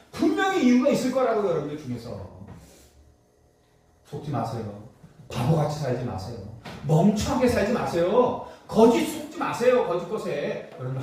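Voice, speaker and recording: Korean pastor preaching in an echoey hall. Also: male voice, sits high, a little mellow. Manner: preaching with rhetorical questions, emphatic repetition. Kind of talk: sermon. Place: church sanctuary. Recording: echoey church hall, distant mic.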